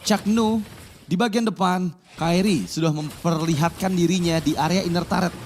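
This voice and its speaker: A man with an Indonesian accent calling an esports match in an excited game-announcer manner, naming moves and kills. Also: high-pitched, normal speed, slight background noise. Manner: announcer-like calls of moves and kills, rising to shouts. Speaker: esports play-by-play caster.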